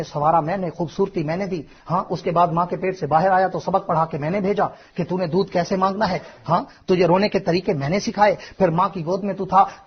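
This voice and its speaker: A man preaching an impassioned sermon in a repetitive, rhetorical style. He swings between hushed, low passages and loud, shouting peaks. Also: breathy edge. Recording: dull lo-fi sermon recording.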